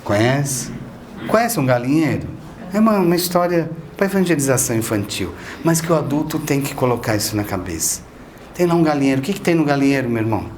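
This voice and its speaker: A man's voice: medium pitch, animated, fast, darkish tone, a little hiss or hum. Guy giving a spiritist talk, chatty, keeps asking the crowd stuff, voice jumps up and down a lot. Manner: conversational, asks the audience questions. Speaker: spiritist lecturer. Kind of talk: spiritual lecture. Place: lecture hall of a spiritist association.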